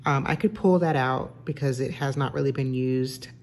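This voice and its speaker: Middle-aged woman, low-pitched, relaxed home vlogger talking to a table camera. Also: moderate pace. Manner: chatty, self-correcting, many fillers. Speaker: lifestyle vlogger. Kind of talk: casual vlog chat. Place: home dining room, indoors.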